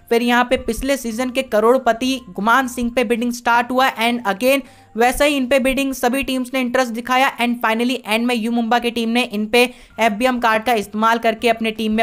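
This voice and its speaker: A woman gives a brisk voice-over recap of auction results. Her voice sits slightly high and she keeps a steady listing rhythm, dropping English words into Hindi sentences. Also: clear, resonant tone. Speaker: sports video narrator.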